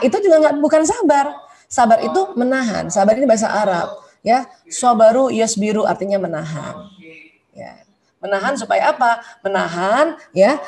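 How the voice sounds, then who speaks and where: A woman's voice: a little high, darkish tone. Chatty woman giving a parenting talk. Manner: chatty, frequent "ya" tags, acts out quoted voices. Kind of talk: religious study talk to parents.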